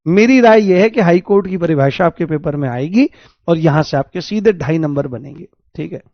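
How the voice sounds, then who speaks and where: Man teaching law, high voice, repeats key terms, dry muffled sound. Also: animated, moderate pace, no echo. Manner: repetitive, drills terms, jokes with students. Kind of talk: exam coaching lecture.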